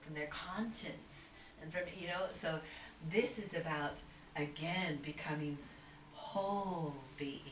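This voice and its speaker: Woman, low-pitched, rambling and spiritual, distant echoey mic, faint hiss. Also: a little slow. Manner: rambling, spiritual, many restarts. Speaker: guest. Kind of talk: casual conversation.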